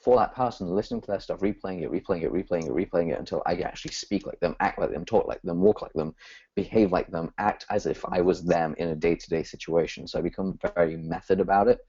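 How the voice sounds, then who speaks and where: A man talking as a copywriter guest in a casual interview, animated and lively. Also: sits low, fast talker, husky, muffled recording. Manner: animated, swings into voices when quoting.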